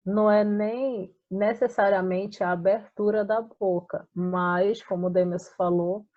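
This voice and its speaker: A woman's voice: medium pitch, fairly even intonation, measured pace, no echo. Brazilian woman teacher, patient explainer, heard through a thin phone-like line. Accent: Brazilian Portuguese. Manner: explanatory, checks in with "tá?". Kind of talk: online class explanation.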